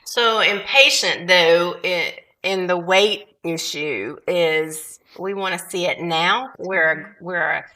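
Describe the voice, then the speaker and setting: A woman's voice: on the low side, slow, few pauses, sharp tone. A woman, hosting a casual talk show and chatting in a rambling way, often restarting her sentences. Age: 60s. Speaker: show host.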